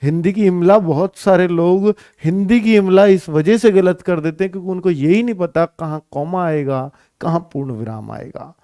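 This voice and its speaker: A male Hindi teacher giving an exam-prep lesson, explaining slowly and repeating phrases as he addresses his students. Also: high-pitched, dark tone, dry recording, clean studio sound.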